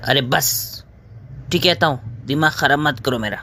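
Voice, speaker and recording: A man's voice: mid-range voice, fairly bright tone, natural voice. A young man playing an impatient brother who brushes off his family to keep working in a comedy skit. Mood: annoyed. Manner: impatient, exasperated. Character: impatient young man, dismissive, busy with work.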